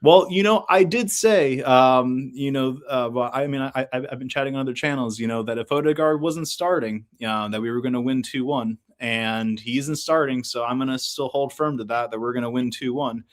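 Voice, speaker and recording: Halting male football fan pundit. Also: mid-range voice, steady tone. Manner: halting, circling delivery heavy with "you know" and "like". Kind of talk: casual football chat.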